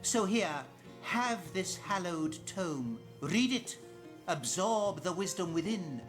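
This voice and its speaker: An actor playing a zealous, condescending cult priest in a fantasy game, sermonizing in grandiose, theatrical phrases. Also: male voice, sits high, lively intonation, takes it slowly, faint music behind. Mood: lofty, instructing. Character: lofty, zealous cult priest preaching of a blood goddess.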